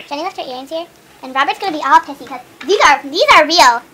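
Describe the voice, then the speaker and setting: A woman's voice: high-pitched, fast, bright, forceful tone. A young woman chatting casually and jokingly with a friend into a home camera. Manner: joking, teasing, giggly. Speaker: vlogger. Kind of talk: casual silly chat with a friend. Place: a house, indoors. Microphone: camera mic. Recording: noisy home camera recording.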